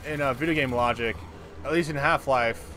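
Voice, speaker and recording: Playing a co-op video game, this man chats casually and sarcastically, swearing now and then. His voice is medium-pitched, bright, and forceful, at a moderate pace. Game noise and ambience fill the background, with faint music behind him.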